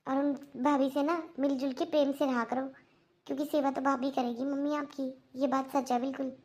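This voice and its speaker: Woman as a firm young cartoon daughter, high voice, earnest lecturing tone. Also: flat delivery, a little fast, a little mellow, close to an everyday voice. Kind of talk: Hindi cartoon dubbing.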